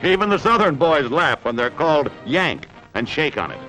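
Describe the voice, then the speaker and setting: A man's voice: a little high, big pitch swings, moderate pace, rough recording. A man narrating an old 1940s wartime newsreel in a dramatic, emphatic announcing manner. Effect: old wartime newsreel sound. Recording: narration over loud orchestral music.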